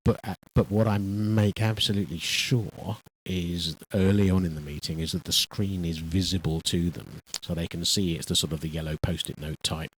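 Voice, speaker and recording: A man's voice: sits low, fairly even intonation, moderate pace, few pauses, a little hiss or hum. A man hosting a local radio show, chatty and joking, often repeating his words. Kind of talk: casual radio chat. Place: radio studio.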